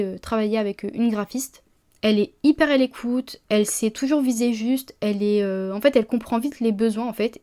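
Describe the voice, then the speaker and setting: Chatty woman, slightly high voice. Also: darkish tone. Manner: chatty, many fillers and restarts. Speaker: publisher and podcast host. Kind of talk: casual solo podcast talk.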